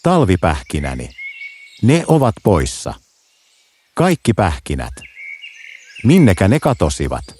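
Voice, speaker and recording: A man's voice: low-pitched, wildly swooping pitch, long pauses, a little mellow, slight background noise. A man voicing a small, frantic male squirrel in a children's storybook, pleading for help. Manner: pleading, upset.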